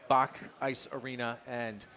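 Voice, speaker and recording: A man's voice: medium pitch, little pitch movement, unhurried, sharp tone. A man hosting a local sports talk show in a TV studio, chatting and asking questions with enthusiasm. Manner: enthusiastic, conversational interviewer. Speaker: host.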